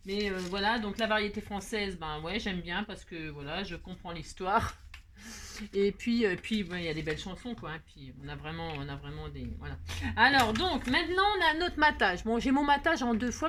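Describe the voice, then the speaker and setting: Bright-toned and mid-range, this craft tutorial host walks viewers through making a card, with a little hiss or hum on the recording. She's relaxed and playful, describing what her hands are doing, teasing as she goes, and sprinkling in "hop" and fillers.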